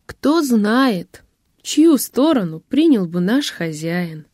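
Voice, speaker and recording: A woman's voice: a little high, very animated, slow pace, darkish tone, no room sound, clean studio sound, exaggerated voice. A woman reading the lines of an elderly, enthusiastic bookseller in an audiobook, chatty and admiring. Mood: eager.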